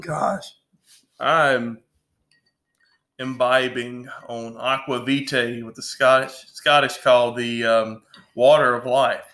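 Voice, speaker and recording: Here the man speaks at medium pitch with fairly even intonation and a fairly bright tone. He's co-hosting a laid-back podcast at the bar in his own home, telling stretched-out, jokey stories and laughing often.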